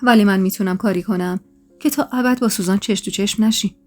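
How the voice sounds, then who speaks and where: A grave middle-aged man, speaking in a low, muffled and earnest way, as read by a woman narrator. Mid-pitched, with faint music underneath. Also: close to an everyday voice.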